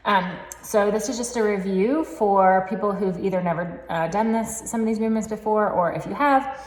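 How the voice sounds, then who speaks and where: A woman's voice: mid-range voice, moderate pace. A woman fitness coach explaining exercises step by step in a casual, encouraging way, recorded in an echoey basement gym. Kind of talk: instructional workout demonstration.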